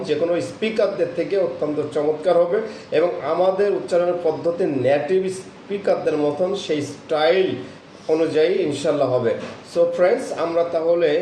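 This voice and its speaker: A man with a slightly high, mellow voice teaches pronunciation in a lecture-style lesson. He explains patiently and draws out example words with heavy stress. The recording is echoey, with a faint hum behind him.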